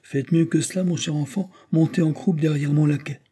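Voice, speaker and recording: A man's voice: fairly high pitch, fairly even intonation, fairly quick, mellow, breathy edge, pitched above the performer's own voice. A man reading a storybook who voices a kind, courteous young nobleman with a persuading manner.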